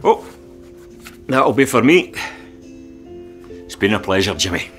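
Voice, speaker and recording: A sly old scottish granda, lowish voice, dry wind-up merchant, faint music under it. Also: male voice, big pitch swings, a little slow, fairly bright tone. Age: older. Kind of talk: comedy sketch acting.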